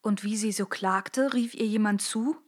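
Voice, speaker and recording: A woman's voice: mid-range voice, measured pace. Woman reading a fairy tale aloud. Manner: expressive storytelling. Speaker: narrator.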